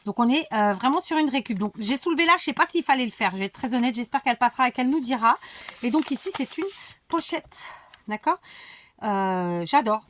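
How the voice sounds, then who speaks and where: A woman's voice: a little high, animated, a little fast, fairly bright tone, slight background noise. A middle-aged woman hosting a casual scrapbooking show-and-tell from her craft desk, gushing with enthusiasm and poking fun at herself. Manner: enthusiastic, gushing, self-mocking. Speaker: scrapbooking channel host.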